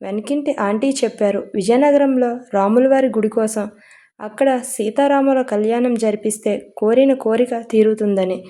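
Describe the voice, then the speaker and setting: A woman's voice: fairly high pitch, moderate pace, mellow, natural voice. A woman voicing a middle-aged mother who insists her son marry and scolds him sharply. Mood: earnest.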